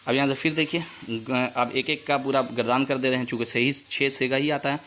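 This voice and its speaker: A man's voice: mid-range voice, fairly even intonation, a little fast, a bit bright. A man teaching a Persian grammar lesson, saying each word and its meaning over and over as a drill.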